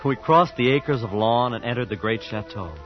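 A man's voice: medium pitch, normal speed, lightly acted. An actor playing a wide-eyed young man from a small town who tells his own story in an earnest, awed, shy way, in an old radio drama. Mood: reflective. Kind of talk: 1940s radio acting with first-person narration. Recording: muffled old radio recording with music behind.

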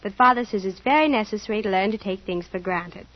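A woman's voice: medium pitch, fast, lightly acted. An actress playing a sheltered, naive rich teenage girl who talks in a prim, earnest, matter-of-fact way, in an old radio drama. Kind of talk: 1940s radio acting. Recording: muffled old radio recording.

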